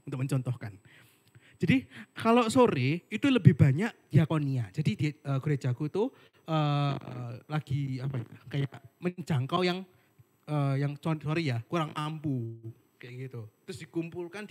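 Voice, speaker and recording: A young man giving a casual, chatty sermon full of jokey asides and slang. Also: a little high. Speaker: worship speaker. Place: online worship service.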